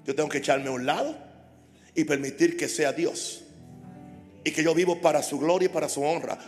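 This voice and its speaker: A man preaching a sermon as pastor, impassioned and repetitive, building up to shouts. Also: fairly high pitch, moderate pace, long reverb tail, faint music behind. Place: church hall.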